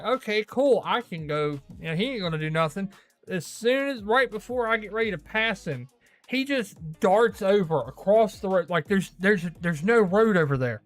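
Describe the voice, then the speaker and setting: A man with a slightly high, clear and resonant voice hosts a casual gaming news show by himself. He tends to ramble, laughs often and keeps correcting himself.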